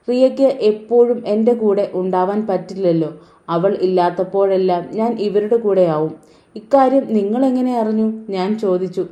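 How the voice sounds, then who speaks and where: A woman narrating a novel as an audiobook in a steady, even reading voice. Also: medium pitch.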